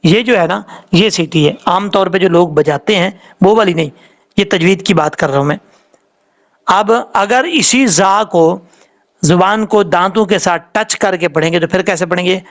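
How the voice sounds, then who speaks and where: Patient man teaching Quran recitation. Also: sits high. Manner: patient, explains slowly and repeats sounds. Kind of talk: step-by-step recitation lesson.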